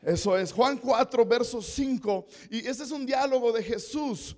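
High-voiced Mexican pastor, animated sermon. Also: male voice, a little slow. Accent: northern Mexican. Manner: animated, humorous, peppered with rhetorical tags. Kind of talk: storytelling sermon.

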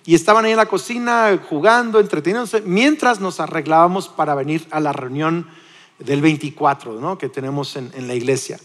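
A man in his forties with a Mexican accent, preaching a sermon in a lively, conversational way with frequent restarts. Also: a little high, brisk, in a large hall. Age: 40s. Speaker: pastor. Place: church.

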